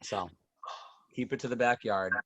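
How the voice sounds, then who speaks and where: Chatty laughing coach on a video call. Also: male voice, on the low side, fairly even intonation, moderate pace, a crowd in the background. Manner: chatty, rambling, laughs through stories. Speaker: fitness coach. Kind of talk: casual group video-call chat.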